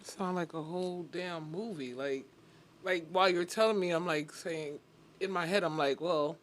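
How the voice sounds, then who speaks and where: A man's voice: sits high, normal speed, a bit bright. A man with a Brooklyn accent hosting a casual interview, joking and repeating himself as he talks. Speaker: interview host.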